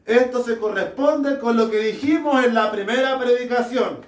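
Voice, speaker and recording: A man preaching a sermon to a small congregation, slow and deliberate, putting rhetorical questions to his listeners. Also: very high voice. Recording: echoey room, mic far off.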